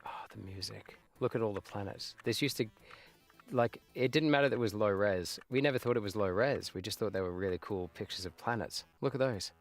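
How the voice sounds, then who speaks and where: A man in his late thirties chats casually while livestreaming a game, reminiscing nostalgically and trailing off into muttered, rambling asides. His voice is lowish and brisk, with soft music playing behind him.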